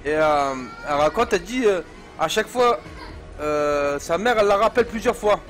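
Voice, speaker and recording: Un jeune homme raconte une histoire qui fait peur, d'un ton familier, en argot, avec beaucoup d'hésitations et de « euh ». Sa voix est un peu aiguë pour un homme, sur une faible musique de fond. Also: male voice, high-pitched, lively intonation, normal speed, a bit bright, soft background music. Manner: slangy, hesitant with many fillers. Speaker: storyteller. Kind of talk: casual spoken horror story.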